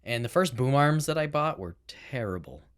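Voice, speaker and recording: Here a podcast co-host with a medium-pitched, sing-song voice talks at a moderate pace, smooth and relaxed, rambling conversationally as he explains things. His boom-arm mic in a makeshift soundproofed home room yields clean, echo-free studio sound.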